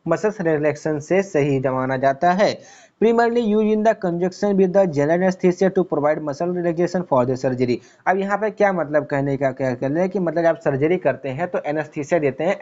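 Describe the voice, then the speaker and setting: Man teaching pharmacy with a mellow voice. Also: on the high side, dull audio. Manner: reads English questions slowly, then explains in rapid Hindi with rhetorical questions. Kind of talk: exam-prep lecture explaining multiple-choice answers.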